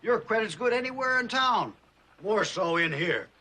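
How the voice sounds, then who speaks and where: A man's voice: high voice, lively intonation, normal speed, sharp tone, full character voice. A man playing a fawning, over-friendly storekeeper in a TV western, folksy and ingratiating. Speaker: actor in a TV western. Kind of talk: TV western drama acting.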